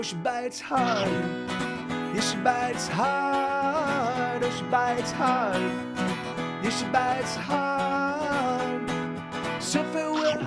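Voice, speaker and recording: Male singer, chipmunk-like sped-up playback, very high and squeaky, wailing chorus over strummed guitar. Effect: sped-up, high chipmunk-like pitch. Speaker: streamer playing his own song. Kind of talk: sung folk-rock song with guitar. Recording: song over clear guitar music.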